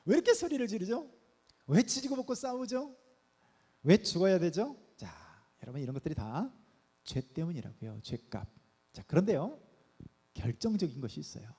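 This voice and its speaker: A man's voice: high voice, sing-song, normal speed, long pauses, dark tone, slightly rough. A middle-aged male pastor preaching a midweek sermon, asking the congregation questions and coaxing them with playful asides. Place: church sanctuary. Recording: long reverb of a church hall.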